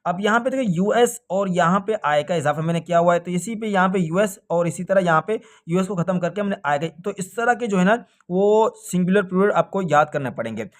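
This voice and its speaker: A man's voice: sits high, expressive, fairly quick, hardly any pauses. A man teaching a recorded grammar lesson for an exam, asking questions and answering them himself. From Pakistan. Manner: often ends points with a check-in "okay".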